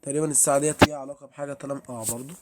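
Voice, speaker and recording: Fast-talking Egyptian man playing a horror game. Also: medium pitch, level tone, very noisy. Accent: Egyptian Arabic. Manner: chatty, addresses viewers, easily startled. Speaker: gameplay streamer. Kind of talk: horror game let's play commentary.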